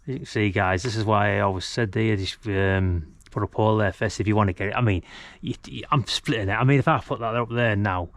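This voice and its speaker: Standing outdoors by a brick house wall, a middle-aged man films a DIY video for his amateur radio hobby, rambling and thinking aloud in a laid-back, colloquial style. His lowish, gravelly voice is brisk and fairly even, with few pauses. The recording is dry but noisy, with ambient traffic.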